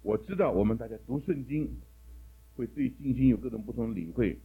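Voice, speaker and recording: Husky man questioning a Bible class. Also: medium pitch, lively intonation, fairly quick, phone-quality sound. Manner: asks the class repeated questions, mixes in English words. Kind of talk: interactive sermon-style teaching.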